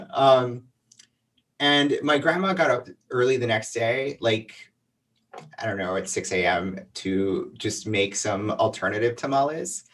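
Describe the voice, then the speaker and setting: A man's voice: mid-range voice, slow pace, a bit bright. Man in his thirties, casual interview guest, rambling, plenty of fillers, voice a little distant from the mic. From El Paso and Juarez border region. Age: 30s. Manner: rambling, many fillers and restarts.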